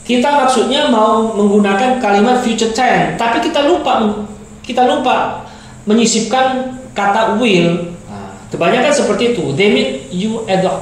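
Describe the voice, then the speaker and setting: A man's voice: very high-pitched, normal speed, a little hiss or hum. A male teacher giving a grammar lesson, explaining patiently and repeating and rephrasing his examples. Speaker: English teacher. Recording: very echoey room.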